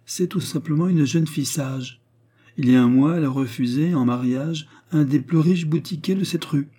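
Earnest young moralist, read by a man; measured, dark-toned, a little husky, storybook reading. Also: on the high side, voice pushed up, lightly acted. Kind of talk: audiobook character reading.

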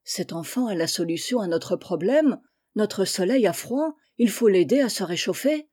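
A woman's voice: mid-range voice, animated, moderate pace, warm tone, slightly rough. A woman voicing a very old village grandfather in a read-aloud tale, lifting her voice for him. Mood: eager.

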